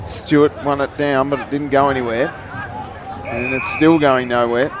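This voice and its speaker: Excitable male football commentator, roaring crowd. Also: mid-range voice, moderate pace. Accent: Australian. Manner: excitable, shouts at goals. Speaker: sports commentator. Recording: outdoor ground with loud crowd and noise. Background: crowd and outdoor noise.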